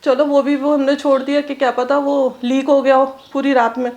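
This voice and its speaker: A woman recounts events in earnest, step-by-step detail. Her voice is notably high for a woman. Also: little pitch movement, moderate pace, a little mellow. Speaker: interviewee, homeowner. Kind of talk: personal account in an interview.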